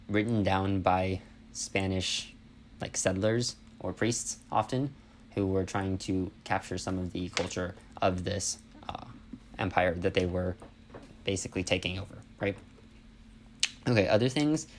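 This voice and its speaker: Male instructor, deep register, informal and explanatory lecture delivery, faint background noise. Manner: conversational, explanatory, often checks in with "right?". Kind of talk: informal spoken history lesson.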